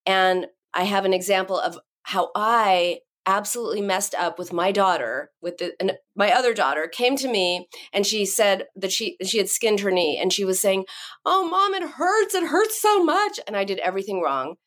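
A middle-aged woman, an author and podcast guest, telling a story about her daughter and acting out its lines in high voices. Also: moderate pace, hardly any pauses. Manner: acts out quotes in high voices. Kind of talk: podcast interview.

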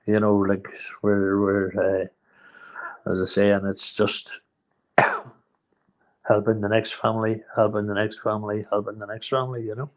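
A man in his seventies from Ireland, with a Northern Irish accent, chats casually and plainly as an interview guest, a charity founder who often repeats his phrases. His lowish voice is flat and a little slow, with long pauses, and the audio quality is poor.

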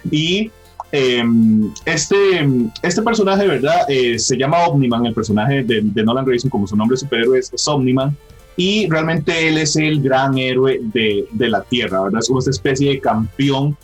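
A man's voice: mid-range voice, normal speed, slightly rough, soft background music. A man hosting a casual pop-culture chat, explaining at length with frequent tag questions and fillers. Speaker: podcast host.

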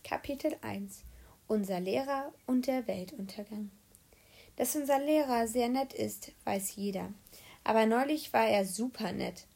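A woman narrating a children's audiobook in a lively, humorous read-aloud manner. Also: a little high, unhurried, creaky, slightly rough.

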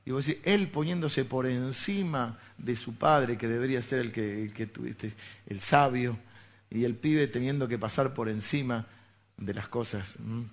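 This pastor with a Rioplatense Spanish accent delivers his sermon conversationally, filling it with rhetorical questions. His mid-range voice moves at normal speed, captured in a dull lo-fi recording.

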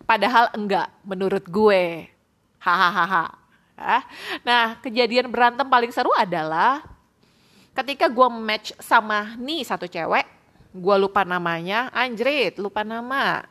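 A woman's voice: mid-range voice, a little slow, pushed and bright. Young woman hosting a podcast, chatty and slangy, laughs a lot, drops english words in. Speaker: podcast host. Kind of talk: casual storytelling chat.

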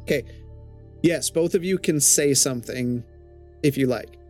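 A man narrating as game master of a tabletop game, relaxed and often chuckling. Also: medium pitch, unhurried, soft background music.

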